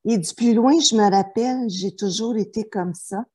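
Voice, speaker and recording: At a normal speed, a middle-aged therapist from New Brunswick, Canada, talks through her life story as an interview guest. Her medium-pitched voice has a dark tone with a breathy edge, and she hesitates a lot, using many fillers and restarts.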